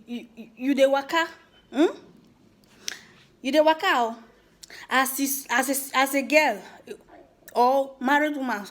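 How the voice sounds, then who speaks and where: A woman with a Nigerian accent speaks Nigerian Pidgin in an informal, emphatic rant to viewers, teasing and repeating words for effect. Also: high voice. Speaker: vlogger giving social commentary.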